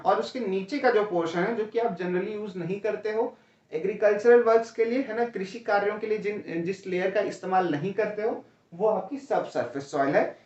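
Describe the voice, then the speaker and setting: A male teacher giving an exam-prep lecture, explaining step by step and often checking in with "है ना?" and "ठीक है?", calling students "भैया". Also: sits high. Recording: roomy, distant, dull lo-fi sound.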